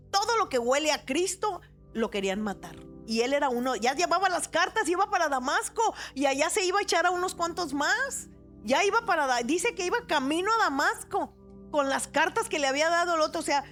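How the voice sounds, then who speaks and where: A woman pastor preaching a sermon, animated and personal, with rising emphasis. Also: high voice.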